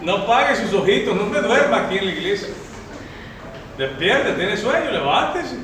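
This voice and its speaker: Male pastor, Central American Spanish accent, very high voice, fervent exhorting sermon, heard from afar in a very echoey hall. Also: big pitch swings, normal speed, recorded from a distance. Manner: exhorting, rising to shouts. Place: church hall. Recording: very echoey hall, mic from afar, faint rumble.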